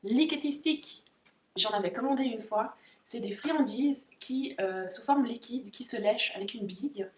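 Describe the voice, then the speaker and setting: A woman with a fairly high voice talks at normal speed, with a little hiss or hum in the background. She's a pet vlogger doing a casual unboxing chat, chatty, excitable and giggly, and she talks to her dogs. The audio is roomy and distant, like a camera mic in a spacious room.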